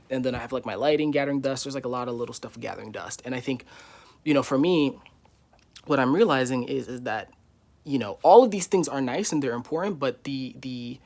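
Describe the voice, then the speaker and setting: A man in his twenties giving a casual, candid vlog update from his living room, rambling with many fillers. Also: medium pitch. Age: 20s. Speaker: YouTuber.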